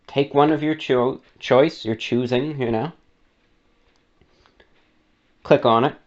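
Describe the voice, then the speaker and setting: The audio is dull, and the man's mid-range voice holds a steady tone at normal speed. As a radio host, he gives a conversational how-to, laying out instructions one step at a time with the occasional aside.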